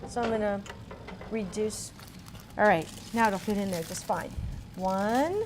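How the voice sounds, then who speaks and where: Chatting a little slowly in a medium-pitched voice, a cooking show host offers folksy asides as she demonstrates each step of a casual recipe. She's from Cape Cod, spent part of her youth in Berlin in a US military family, and the recording carries noticeable room noise.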